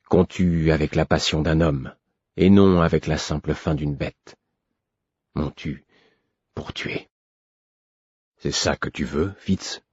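A man voicing a stern, bitter grown man who has been drinking, speaking with low menace that can flare into roaring anger. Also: darkish tone, slightly rough, no echo, dull audio, heavily acted.

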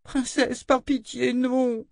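A man voicing a frightened little servant girl in a storybook reading, pleading in a small high voice. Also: a little slow, no room sound, clean studio sound. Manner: whimpering then threatening. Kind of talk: storybook read-aloud voice.

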